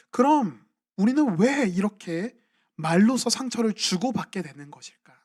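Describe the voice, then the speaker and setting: A young man, a junior pastor, preaching a sermon in a church and asking his congregation questions in a conversational way. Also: high voice. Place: church sanctuary at a midweek evening service.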